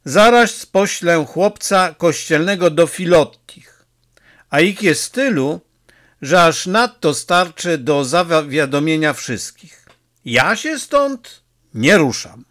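A stubborn village priest, as a man voices him in a storybook reading, calm and immovable, with a teasing edge. The voice is fairly high and lively in its swings, and unhurried. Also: full character voice. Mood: firm. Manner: calm, firm.

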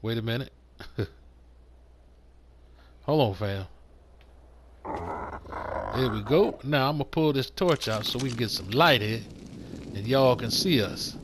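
A man's voice: medium pitch, expressive, a little slow, long pauses, fairly bright tone, slight background noise. An older man hosting a gaming channel, giving casual, slangy commentary as he plays and talking to his viewers like family. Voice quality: slangy and laid-back, calls viewers fam.

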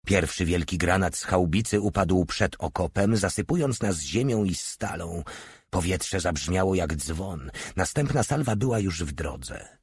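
A man narrating an audiobook in a steady, measured reading. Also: deep voice, slightly rough. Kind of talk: scripted narration.

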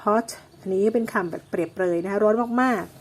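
A woman teaching English weather words, explaining each one slowly and patiently, with many polite particles. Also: mid-range voice, husky. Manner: slow, drawn-out explanations with frequent polite particles. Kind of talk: English vocabulary lesson.

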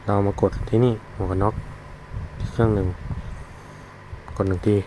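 A man with a fairly low voice talks through a product demonstration in an informal, unscripted way. He explains step by step, often pausing to find the words. There is clear noise behind him, with vehicle sounds. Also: little pitch movement, mellow, low-quality recording. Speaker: product reviewer demonstrating a gadget.

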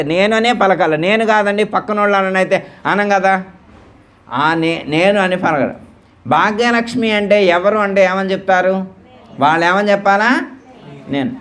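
A man leading a devotional discourse at a temple gathering, slowly repeating words and quizzing his listeners with questions to check they follow. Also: high-pitched, a bit bright. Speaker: spiritual teacher.

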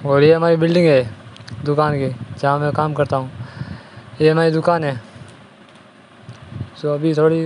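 A young adult male vlogger walks viewers from his home to the sari shop where he works, plainly pointing out sights indoors and out on a handheld phone camera. His fairly high voice keeps a fairly even intonation at a moderate pace, with long pauses and a darkish tone. The low-quality recording carries a little hiss or hum.

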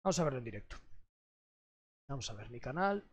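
A young man from streaming casually, crude and animated, swearing constantly as he talks to his chat. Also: medium pitch, brisk, husky.

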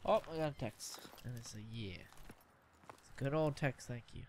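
A man's voice: medium pitch, moderate pace, background noise. A young man casually commenting on a video game, reactive and chatty, often laughing and saying "oh man.". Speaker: gaming commentator. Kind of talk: casual let's-play commentary.

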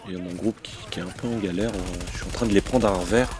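A low-voiced man talks through a game in a relaxed let's-play commentary, chatty and informal. He hesitates often and keeps a loose, friendly flow. A faint hiss of noise sits under his gaming mic. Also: fast talker. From France. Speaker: gaming channel host.

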